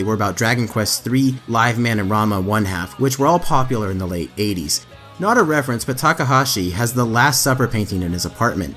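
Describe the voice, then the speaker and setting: A man narrates an anime trivia video as a scripted voice-over, adding emphatic lifts to his delivery. His mid-range voice is a bit bright, and faint background music runs beneath it.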